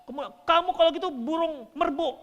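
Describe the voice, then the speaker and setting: A man mimicking a shrill scolding wife. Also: fairly quick, fairly bright tone, lo-fi sound. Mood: scolding shrilly. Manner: shrieking, mocking.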